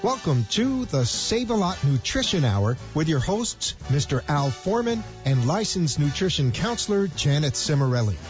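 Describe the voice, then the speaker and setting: A man's voice: a little high, very animated, normal speed, hardly any pauses. A man reading a scripted radio show introduction in an announcer's delivery. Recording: dull lo-fi radio with music.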